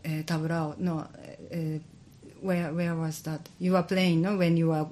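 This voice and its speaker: A woman chatting and interpreting informally, often halting as she searches for words and murmuring agreement. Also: sits low, flat delivery, dark tone. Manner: halting, searching for words, frequent affirming backchannels. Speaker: guest interpreting between languages. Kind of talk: casual chat with informal interpreting.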